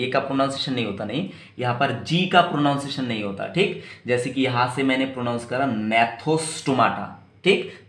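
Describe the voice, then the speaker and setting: Slow, spelling-out biology teacher, man. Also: mid-range voice, a bit bright, roomy sound. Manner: spells terms letter by letter, repeats and quizzes students. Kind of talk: classroom lecture.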